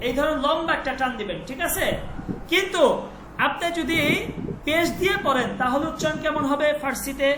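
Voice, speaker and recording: A man's voice: extremely high pitch, brisk. A man teaching an online language class, patiently repeating sounds and checking that students follow. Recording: echoey room with clear noise.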